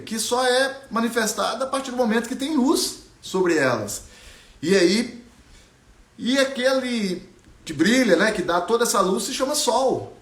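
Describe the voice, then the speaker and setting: A man voicing a wise old bush who counsels gently and calmly. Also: high-pitched, roomy sound, pitched above the performer's own voice, heavily acted. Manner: calm, soothing, measured.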